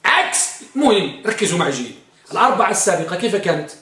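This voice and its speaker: High-voiced man quizzing a class. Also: very animated, quick pace, pushed and bright, reverberant. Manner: quizzes students, drags out words for emphasis. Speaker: teacher. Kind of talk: Arabic grammar lesson with question-and-answer drill.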